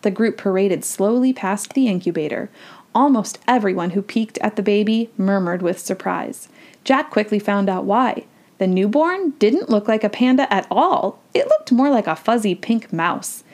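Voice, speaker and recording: A woman reads a children's chapter book aloud, her voice rising and falling with lively expression. She breaks in with chatty, playful comments of her own. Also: mid-range voice, normal speed. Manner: chatty, playful asides between reading. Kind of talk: storybook read-aloud.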